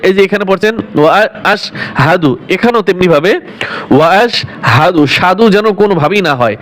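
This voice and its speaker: A man whose first language is Bengali teaches recitation, slowly chanting and drawing out phrases between explanations. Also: sits high, fairly bright tone, a little hiss or hum. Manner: slow, drawn-out chanting of Arabic phrases between quick explanations. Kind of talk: religious pronunciation lesson.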